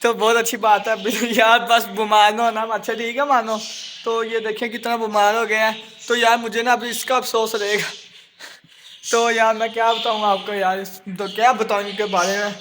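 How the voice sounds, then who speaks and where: A man's voice: high-pitched, flat delivery, moderate pace, a bit bright, slight background noise. A man chatting casually in a vlog outdoors by his pet cages, fondly scolding his birds as they eat. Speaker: pet-keeping vlogger. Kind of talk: casual vlog narration while feeding pets.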